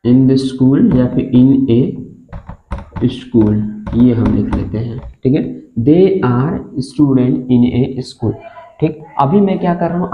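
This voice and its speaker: A man gives a classroom-style lesson, breaking words into slow parts and asking his listeners again and again what they read. His voice sits fairly high. The sound is thin and phone-like, with a roomy echo. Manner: spells out words slowly and keeps asking the class to repeat. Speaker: English teacher. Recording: echoey room on a tinny, phone-like line.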